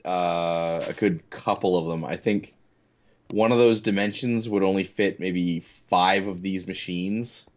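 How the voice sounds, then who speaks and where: A man's voice: low-pitched, fairly even intonation, unhurried. A man chatting casually while gaming, with a dry, matter-of-fact way of talking. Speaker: co-host of a gaming video series.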